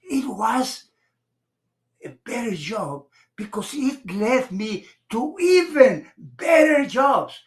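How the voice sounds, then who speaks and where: A man with a Boston accent giving an inspirational keynote speech at a public speaking club, telling his story slowly and dramatically. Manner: slow, dramatic storytelling with lively pitch.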